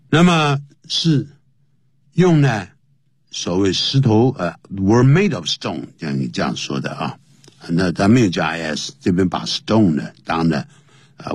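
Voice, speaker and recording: Husky man, slow lesson voice, wildly lively pitch, dry studio. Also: dry recording. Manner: explains slowly, spells words out letter by letter; pitch jumps high to stress points. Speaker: English teacher. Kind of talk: classroom English lesson.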